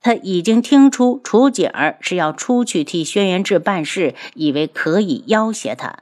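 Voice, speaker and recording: A woman's voice: on the low side, expressive, moderate pace, darkish tone. Woman reading a novel aloud. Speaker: audiobook narrator. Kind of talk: scripted web-novel narration.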